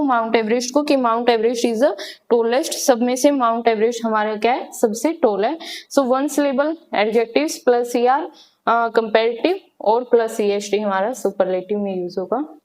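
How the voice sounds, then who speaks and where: Woman teaching, fairly high voice. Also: steady tone. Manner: explains step by step, asks questions and answers them herself, slow spelled-out examples. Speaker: English grammar teacher. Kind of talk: classroom grammar lesson.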